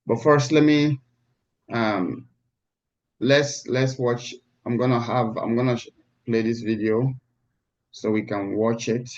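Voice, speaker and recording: A man teaching a live online class, heard through a screen-recorded video call, talking in a halting way with many restarts. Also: mid-range voice, steady tone, lo-fi sound. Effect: screen-recorded video call audio. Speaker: instructor. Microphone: computer mic on a video call.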